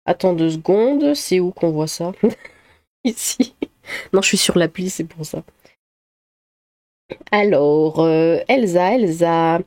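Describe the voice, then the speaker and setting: A woman's voice: fairly low pitch, animated, takes it slowly, long pauses, a little mellow, no echo, clean studio sound. A woman YouTuber reading viewer comments aloud in casual chat, laughing often and swearing in chatty asides.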